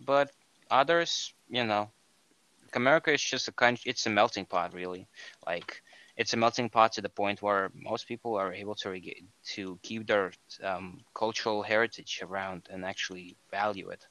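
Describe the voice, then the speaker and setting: A man's voice: on the low side, moderate pace, pushed and bright, low-quality recording. A young man from Estonia talking casually on a podcast, rambling and often correcting himself mid-sentence. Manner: rambling, self-correcting, many fillers. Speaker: podcast co-host. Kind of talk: casual chat.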